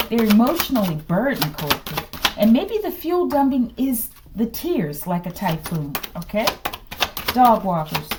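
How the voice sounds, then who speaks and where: Over a noisy background, a woman with a medium-pitched voice does a casual tarot reading. Her delivery is blunt, dramatic and emphatic, with frequent check-ins with the people listening.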